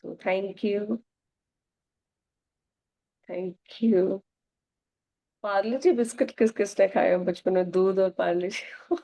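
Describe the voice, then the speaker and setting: A woman hosting a guided gratitude practice, speaking slow, soft, emotional affirmations. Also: medium pitch. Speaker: self-help video host.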